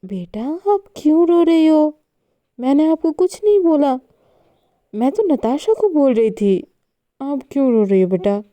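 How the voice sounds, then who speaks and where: A woman reads the part of an older grandmother in an audio story, stern and scolding, her voice heavy and darkened. She speaks slowly and carefully, with a dry, close sound. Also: high voice, sing-song, mellow, no echo, pitched above the performer's own voice. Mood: worried. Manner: scolding, then soothing.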